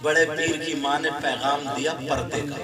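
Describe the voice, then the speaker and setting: A man's voice: a little high, steady tone, moderate pace, over a noisy crowd. A man preaching a religious sermon to a gathering in a melodic, chanting delivery. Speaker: Islamic preacher. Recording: echoey, distant sound with loud music.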